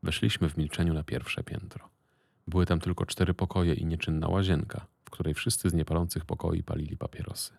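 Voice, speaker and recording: A man narrating a first-person story as an audiobook, in a measured, wry, deadpan manner. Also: no echo. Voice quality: deep, gravelly. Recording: dry close recording.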